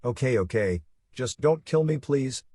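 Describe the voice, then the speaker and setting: A man's voice: mid-range voice, animated, unhurried, dark tone, husky, no room sound, clean studio sound, voice pushed up. A man voicing a frightened young male pirate who pleads and bargains, in an audio novel. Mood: pleading.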